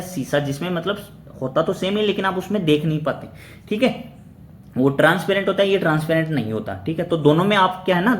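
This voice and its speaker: A man runs an exam-prep vocabulary lesson, firing a question and answering it himself, then repeating the word and spelling it out. His voice sits somewhat high. The recording is roomy, with a faint hiss behind. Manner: spells words letter by letter. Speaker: vocabulary teacher. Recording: roomy echo with faint background noise.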